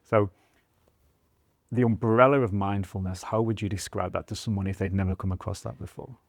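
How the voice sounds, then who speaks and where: A male meditation teacher in conversation. He lays out his points one at a time in a measured way. His voice sits a little low, and the recording is dry with no room sound. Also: steady tone, creaky, no room sound. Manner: measured, deliberate explaining. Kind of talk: conversational discussion.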